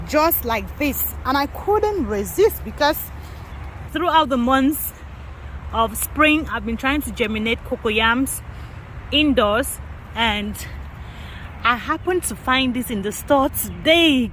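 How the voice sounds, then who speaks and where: A woman's voice: high-pitched, expressive, slow pace, fairly bright tone, rough recording. A woman from Cameroon giving a casual tour of her garden, chatting to viewers as she walks. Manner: chatty, addresses viewers as guys. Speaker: gardening vlogger. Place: outdoor garden, windy. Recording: wind and traffic noise outdoors.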